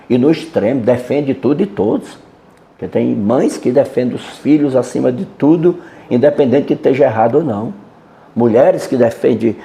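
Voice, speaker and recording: Mellow-voiced pastor preaching a sermon. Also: male voice, mid-range voice, creaky. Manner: earnest teaching, often adds "né" and addresses "querido".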